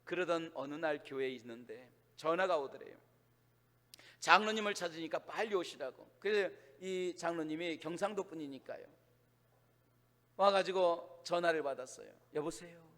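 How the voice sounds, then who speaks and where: A man's voice: fairly high pitch, normal speed, fairly bright tone. A male pastor from the Chungcheong region, with a Chungcheong accent, preaching a sermon in a storytelling style with emphatic, rising declarations. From Chungcheong, Korea. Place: church sanctuary. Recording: long church hall reverb.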